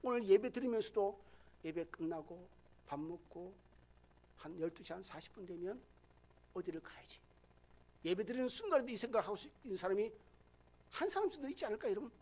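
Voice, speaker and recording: High-voiced Korean pastor with a Busan lilt. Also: male voice, expressive, brisk, long pauses. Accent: softened Gyeongsang Korean. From Busan, South Korea. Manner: swings between loud emphatic lines and low, quiet asides; addresses the congregation directly, often saying "여러분". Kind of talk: sermon. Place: church sanctuary.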